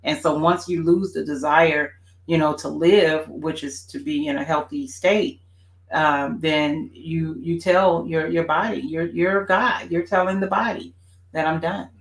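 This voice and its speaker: A woman's voice: sits low, steady tone, a little slow. Reflective woman in a roomy space. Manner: reflective, agreeing, with many "you know" fillers. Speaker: co-host of a family faith talk show. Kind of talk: casual conversation. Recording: roomy echo.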